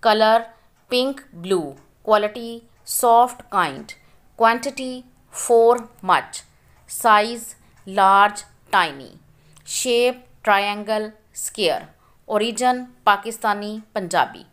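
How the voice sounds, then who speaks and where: A woman teacher with a Pakistani accent going through textbook exercises, reading English words slowly and repeating them, then explaining quickly in Urdu. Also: medium pitch, animated, a bit bright.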